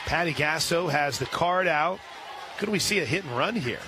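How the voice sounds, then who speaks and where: An American man calls a softball game as a radio play-by-play announcer, mixing commentary with sponsor reads in clipped, punchy phrases. His voice is fairly high and animated at a moderate pace, with music playing in the background.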